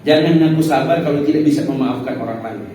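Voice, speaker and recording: A male preacher giving an animated mosque sermon, acting out prayers and speaking to the congregation. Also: mid-range voice, fast talker. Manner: lively, animated, acts out prayers, addresses audience as Pak. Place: mosque hall. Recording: very echoey hall, mic far off.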